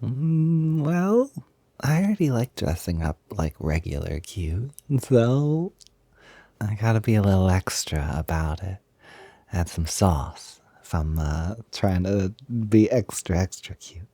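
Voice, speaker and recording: Speaking slowly in a low, dark, sing-song voice with no room sound, a young man plays a playful, eager, feminine male roommate. It's a one-sided, intimate audio roleplay that sounds improvised, and his chatty coaxing is delivered hesitantly.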